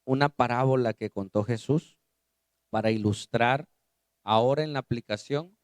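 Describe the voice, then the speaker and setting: A man preaching a sermon as pastor. He keeps asking the congregation rhetorical questions and swings between quiet low passages and loud emphatic ones. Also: moderate pace, no echo, studio quality.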